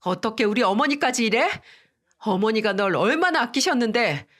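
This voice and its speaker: A woman's voice: on the high side, expressive, moderate pace. A woman voicing an injured grown son who angrily accuses his wife in a read-aloud family drama story. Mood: furious. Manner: shouting, accusing.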